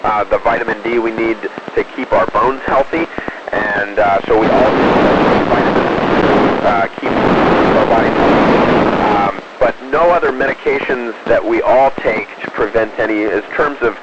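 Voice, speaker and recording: An astronaut answering questions from aboard the space station over a breaking-up radio link, explaining things in a measured way with frequent fillers. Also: male voice, on the low side. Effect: breaking-up space-to-ground radio link. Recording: muffled radio downlink with loud static.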